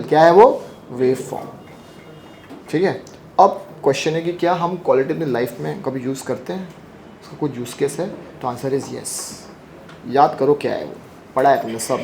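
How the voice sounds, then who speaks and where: A man's voice: a little high, gravelly, a little mellow, slight background noise. A man teaching a physics class. He keeps asking his students questions, repeats their answers back, and teases them between points. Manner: joking and teasing with students. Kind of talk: classroom lecture.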